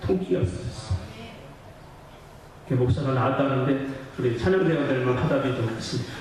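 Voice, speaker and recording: A male pastor preaching a sermon with impassioned fervor, his voice swelling into near-chanted shouts. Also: medium pitch, lively intonation, fairly quick. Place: church sanctuary. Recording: very echoey church hall, mic far off.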